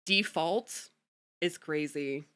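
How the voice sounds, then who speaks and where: A woman streamer chatting casually at home, full of fillers and quick giggles. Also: sits low, fairly bright tone, clean tone. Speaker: streamer host. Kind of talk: casual chat.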